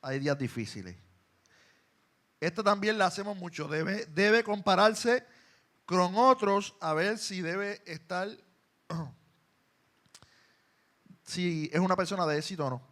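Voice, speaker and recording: A Puerto Rican pastor preaches a sermon in a church with a notably high voice. He drops to soft, low asides, then builds to loud, forceful declarations. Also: measured pace, pauses often. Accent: Puerto Rican Spanish.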